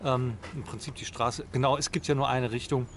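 A man's voice: medium pitch, steady tone, a little fast, crowd noise. An older man vlogging casually from a restaurant patio into an arm's-length camera, rambling with many fillers. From Germany. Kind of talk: casual vlog chat. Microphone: action camera at arm's length. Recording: noisy outdoor ambience.

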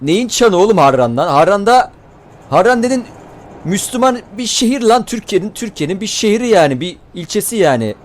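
A man doing excitable let's-play commentary, swearing and shouting at the enemies as he plays. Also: sits high, a little fast. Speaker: gaming YouTuber.

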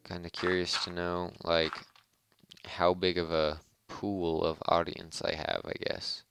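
Deep gravelly man rambling over gameplay. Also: flat delivery, a little slow, fairly bright tone, a little hiss or hum. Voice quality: harsh. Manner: rambling, joking, chatty with viewers. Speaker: let's play host. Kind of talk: casual gameplay commentary.

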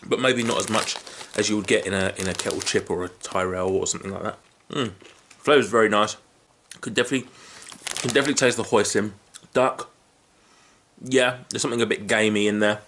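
Crunching chips at home, a thirty-something British man reviews them casually and unscripted to a camera placed a short way in front of him in a small living room. He speaks fast with a fairly low pitch, fairly even intonation and fairly bright tone, amid clear background noise and crinkling packets.

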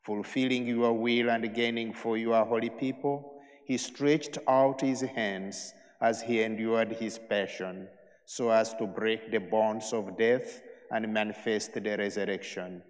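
A man, a priest, intoning the prayers of Mass in a solemn, measured way, with a cathedral echo around his voice. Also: fairly low pitch, steady tone. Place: large church. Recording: long church reverb.

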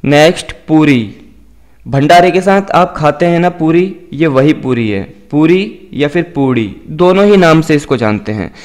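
A man teaching English words in a video lecture, spelling each one letter by letter and repeating it slowly. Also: on the high side, lively intonation, darkish tone.

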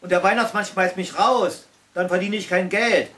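A man's voice: sits high, steady tone, moderate pace, pushed and bright, far from the mic. A man voicing a worn-out, whining sleigh reindeer in a storybook reading.

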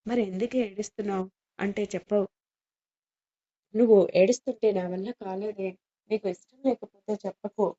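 Storybook young husband, playful and tender, read by a woman, mid-pitched and mellow, dull lo-fi sound. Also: steady tone, moderate pace, long pauses, natural voice. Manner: coaxing, pleading.

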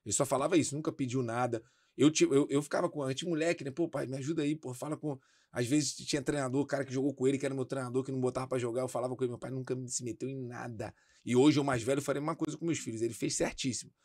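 A man's voice: mid-range voice, fairly even intonation, a little mellow, dry recording, clean studio sound. A man, a former footballer talking candidly and slangily about his career as an interview guest. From Brazil. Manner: fast, slangy and candid, with frequent swearing. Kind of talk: casual interview chat.

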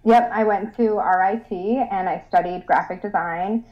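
A woman's voice: mid-range voice, moderate pace. A young adult woman from Rochester, New York, speaking as a guest in a casual interview, bubbly and eager, laughing often. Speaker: guest designer. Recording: dull lo-fi sound.

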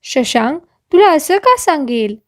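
A woman's voice: high voice, sing-song, a little slow, fairly bright tone, dry recording, studio quality, pitched above the performer's own voice, exaggerated voice. A woman voicing a young bride who speaks sharply and indignantly. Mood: angry. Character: young bride, angry and bewildered.

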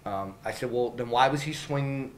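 A man's voice: medium pitch, moderate pace, rough recording. A middle-aged man, a baseball team manager, answering reporters' questions after a game in a small press room, speaking candidly with many fillers and restarts into handheld mics held up close. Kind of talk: post-game press interview. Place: small press room in front of a logo backdrop. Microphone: several handheld reporter mics held up close.

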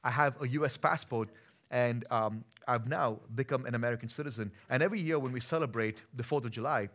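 Preaching on a church stage, this Indian-accented pastor, a man in his thirties from India, talks a little fast in a mid-range voice. His sermon swings from relaxed, conversational moments to emphatic, forceful passages.

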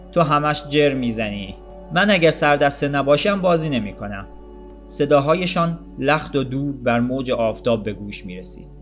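Calm man reading a story. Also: mid-range voice. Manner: calm, measured, literary. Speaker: audiobook narrator.

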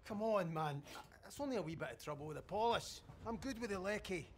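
An actor playing a stubborn, sardonic working-class Scottish rig electrician in a video game, dry, sweary and defiant. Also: male voice, high voice, lively intonation, brisk, a little hiss or hum. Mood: defensive.

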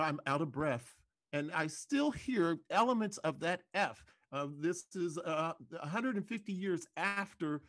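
A man, a music professor, giving a measured lecture and demonstrating pronunciations aloud. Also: mid-range voice, a bit bright. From American South. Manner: measured, thoughtful, demonstrates pronunciations and sings examples. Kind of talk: recorded lecture.

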